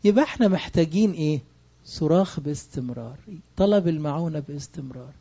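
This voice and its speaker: A man's voice: on the high side, quick pace, warm tone, breathy edge, muffled recording. A man with an Egyptian Arabic accent preaching a sermon, emphatic and full of rhetorical questions. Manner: emphatic, asks rhetorical questions and answers them.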